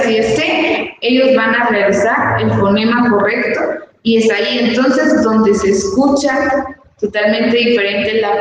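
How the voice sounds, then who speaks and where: A woman's voice: on the high side, a little hiss or hum. A woman teacher with a Guatemalan Spanish accent, explaining a lesson patiently and rephrasing each point. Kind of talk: recorded class lesson. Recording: echoey long reverb, far from mic.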